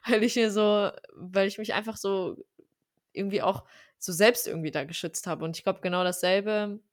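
A woman's voice: medium pitch, normal speed, no room sound, clean studio sound. A young woman, raised speaking Armenian at home, telling personal stories in a casual conversation with many fillers. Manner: chatty, animated storytelling with fillers.

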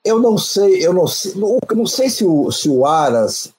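A man with a dark, heavily husky voice lays out political analysis on a talk panel. He speaks in a measured, explanatory way, often restarting a phrase before pressing on. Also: high voice, big pitch swings, poor audio. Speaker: political commentator.

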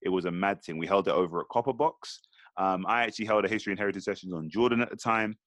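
Man, low voice, dry close mic, animated storytelling. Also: very fast, no echo. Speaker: podcast co-host. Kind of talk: casual podcast chat.

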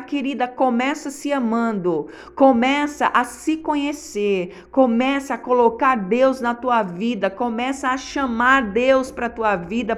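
Uma pastora brasileira pregando um sermão com sotaque brasileiro, em tom sério e exortativo, encenando orações a Deus. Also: female voice, on the high side. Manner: earnest, exhorting, acts out prayers to God. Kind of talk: sermon.

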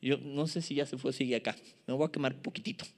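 A man's voice: medium pitch, steady tone, fast. A man with a Mexican accent preaching a sermon, asking the congregation questions in a casual, self-deprecating way. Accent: Mexican Spanish. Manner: asks the congregation rhetorical questions.

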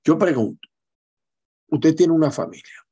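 A middle-aged man, hosting political commentary, slow and digressive with wry asides. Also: on the high side, lively intonation, dark tone, husky, dull audio. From Venezuela. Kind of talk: commentary on a news clip.

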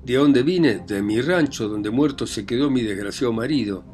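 A man reading aloud voices a defiant, grieving young country widow who answers with sharp, indignant retorts. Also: medium pitch, animated, normal speed, faint music behind, lightly acted.

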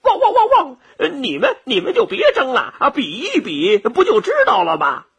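A man voicing a cheeky, self-important male dog in a children's storybook tale, chatting in a lively way. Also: extremely high pitch, moderate pace, breathy edge, voice pushed up, full character voice. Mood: cheerful.

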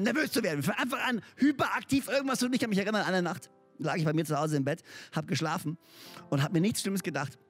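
A man preaching a sermon as a pastor, lively and emphatic, talking straight to his listeners in a conversational way with English words mixed in. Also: very high voice. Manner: conversational, speaks directly to listeners.

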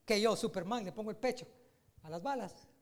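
A man preaching a sermon in an animated way, rising to loud, emphatic peaks. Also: high-pitched, fairly quick.

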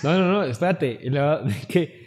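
A man with a Mexican Spanish accent telling a profane, animated story to friends on a podcast, acting out what others said. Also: fairly high pitch, normal speed, in a large hall. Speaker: podcast co-host. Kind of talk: casual storytelling among friends.

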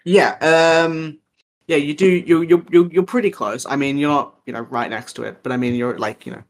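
A man's voice: a little high, fairly even intonation, moderate pace. A man narrating as game master in a tabletop game, talking hesitantly with lots of fillers and laughs.

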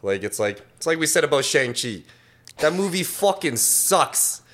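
A man in his early thirties talking in a brash, profane, animated way in a casual podcast chat. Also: a little high, normal speed. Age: 30s. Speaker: podcast guest.

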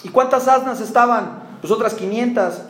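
Preaching to his congregation with rhetorical questions and jokes, this man has a Mexican accent and a very high, somewhat bright voice at normal speed. The sound is roomy, with faint background noise from the hall.

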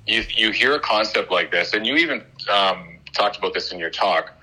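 A man speaking as a guest on a podcast interview, energetic and persuasive in his answers. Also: lowish voice, moderate pace, slightly rough, poor audio.

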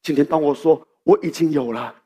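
A male pastor preaching a sermon to his congregation, animated and exhorting. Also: on the high side, a little fast, a little hiss or hum. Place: church hall. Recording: echoey hall.

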